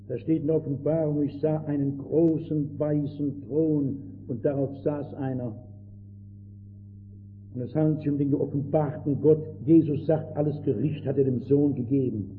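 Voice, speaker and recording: An older man preaching a sermon with fervor, swinging between loud outbursts and hushed words. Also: on the high side. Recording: tinny old lo-fi recording with faint hiss.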